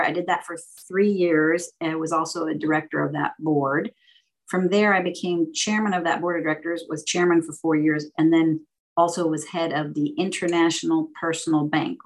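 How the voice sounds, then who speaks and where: A woman in her fifties from San Francisco, a banking executive and board director, answers interview questions about her banking career in a notably low voice. Measured and methodical, she lays out her points as orderly lists, pausing now and then on "um," and the recording is rough.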